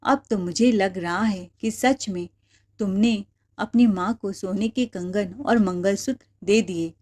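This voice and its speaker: A woman's voice: mid-range voice, a little slow, darkish tone, lightly acted. Young husband, stern and questioning, voiced by a woman narrator.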